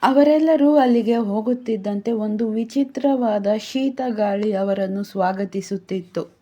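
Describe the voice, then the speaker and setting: Mellow woman telling a story. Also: mid-range voice, a little slow. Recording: dull lo-fi sound.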